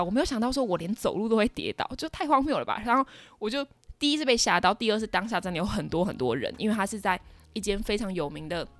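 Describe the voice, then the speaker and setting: A woman's voice: medium pitch, no echo. A young woman in her twenties with a Taiwanese Mandarin accent, hosting a podcast and telling a personal story in a dramatic, exclaiming way. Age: 20s. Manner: dramatic, exclaiming, lots of fillers. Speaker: podcast host. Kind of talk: casual storytelling monologue.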